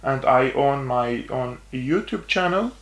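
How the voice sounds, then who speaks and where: A man from Syria, a political journalist, giving measured explanatory interview answers with frequent hesitations. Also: medium pitch, expressive, a bit bright. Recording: roomy echo.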